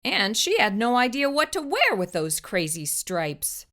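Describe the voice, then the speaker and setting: A woman narrating a children's storybook in an expressive, deliberate way as a storyteller. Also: on the high side.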